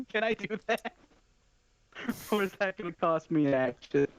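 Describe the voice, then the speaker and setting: A man's voice: high-pitched, animated, unhurried. A man chatting casually as a player in a tabletop game, hesitant and often stammering.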